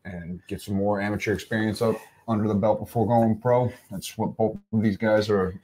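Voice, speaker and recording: A man's voice: on the low side, fairly even intonation, a little fast, warm tone, a little hiss or hum. A man co-hosting a fight podcast, giving a plain commentator-style rundown of fighters' records and skills. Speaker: podcast co-host. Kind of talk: casual fight-promotion podcast chat.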